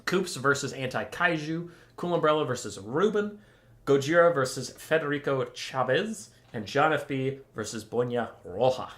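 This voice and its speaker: Expressive and fairly bright, a man's mid-range voice moves at a moderate pace as he hosts a game tournament livestream. It's loose pre-casting chatter, wry and self-deprecating with offhand swearing, picked up by a desk mic while his camera stays off.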